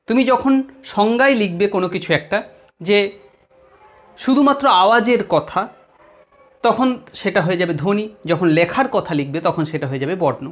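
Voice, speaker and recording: A Bengali grammar teacher with a West Bengal accent gives an exam-prep lesson at a deliberate pace. Speaking in a medium pitch, the teacher repeats key terms and addresses the students directly.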